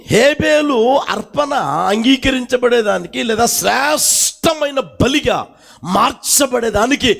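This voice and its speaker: A man preaching a sermon to a congregation, putting questions to them and swinging between shouted emphasis and low asides. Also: gravelly. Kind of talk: Telugu church sermon.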